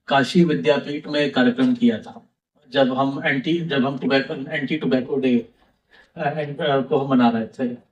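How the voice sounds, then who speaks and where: A man giving an emphatic public speech, pausing and restarting as he talks. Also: on the high side, darkish tone, far from the mic, poor audio. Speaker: public speaker.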